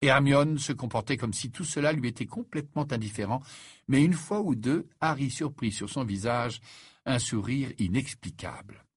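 A man narrating an audiobook in an expressive storytelling way. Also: medium pitch, moderate pace, husky, no echo, clean studio sound.

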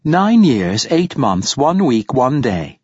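A man voicing a calm, polite female android servant who speaks in a patient, precise way. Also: medium pitch, slow pace, slightly rough, no room sound, dull audio, voice pushed up, heavily acted.

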